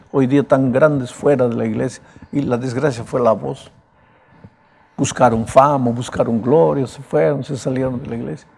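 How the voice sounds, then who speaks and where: A pastor giving a sermon, with a broken, raspy voice and an emphatic, conversational way of preaching. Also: male voice, medium pitch, mellow.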